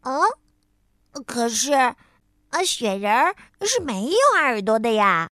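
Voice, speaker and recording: A woman voicing a lively, stubborn little frog boy who exclaims excitedly. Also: on the high side, slow pace, dry recording, studio quality, heavily acted.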